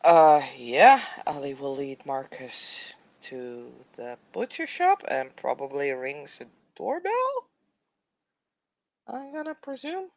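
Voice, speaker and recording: A tabletop game player describing their character hesitantly, with many pauses. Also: mid-range voice, huge pitch swings, dry recording, low-quality recording. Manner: hesitant, filler-heavy.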